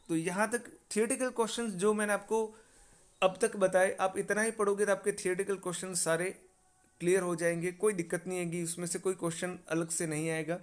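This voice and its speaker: A man's voice: high-pitched, fairly bright tone. A man teaching pronunciation for an exam, spelling out words letter by letter and often asking "ठीक है ना" to check understanding. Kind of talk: exam prep lesson.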